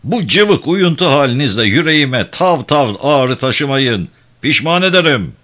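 Field: A man voicing a harsh, arrogant male mine foreman who scolds and shouts orders at his workers in a gruff, raised voice. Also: lowish voice, expressive, moderate pace. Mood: scolding.

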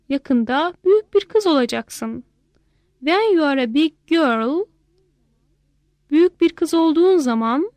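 A woman reading aloud plays a greedy king who loves gold, soothing his child in a gentle, unhurried way. Her voice sits high and the story moves at a very slow pace. The sound is close and completely dry. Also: no echo. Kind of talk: bilingual read-aloud story.

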